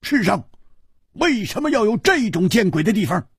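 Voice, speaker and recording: A man voicing a loud, hot-tempered, boisterous swordsman who blusters and shouts. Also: mid-range voice, wildly swooping pitch, normal speed, breathy edge, dry recording, clean studio sound, pitched above the performer's own voice. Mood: grieving fury.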